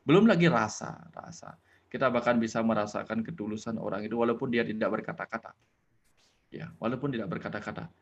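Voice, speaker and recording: A man giving an earnest spiritual talk, explaining patiently with examples and later leading a calm prayer. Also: on the low side, quick pace, muffled recording. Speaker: spiritual teacher.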